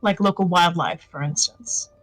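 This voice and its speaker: A woman's voice: on the low side, moderate pace, dry recording, faint music behind, close to an everyday voice, low-quality recording. A woman voicing a cheerful, wisecracking young ghost hunter in a fan voice drama. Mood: breezy. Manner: cheerful, joking and unbothered.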